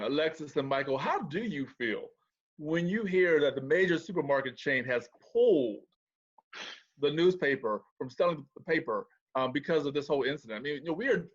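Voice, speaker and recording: A man moderating a panel discussion, asking measured and probing follow-up questions. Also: fairly high pitch, lo-fi sound.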